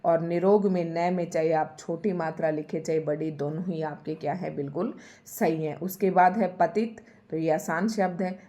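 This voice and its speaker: A woman with a low-leaning, mellow voice teaches a Hindi spelling lesson for exam prep at a moderate pace and steady tone. She explains patiently, repeating each word again and again to stress its spelling.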